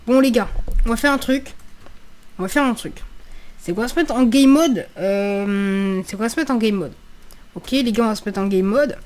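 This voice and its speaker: A woman's voice: on the high side, moderate pace, darkish tone. A woman giving casual, slangy let's play commentary, swearing freely and thinking aloud as she repeats her phrases. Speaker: gaming video creator.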